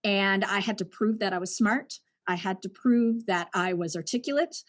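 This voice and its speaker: A woman's voice: medium pitch, moderate pace. A woman from Canada, a guest on a podcast who works in education, telling her own story in a frank, reflective way with an occasional laugh. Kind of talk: candid personal storytelling.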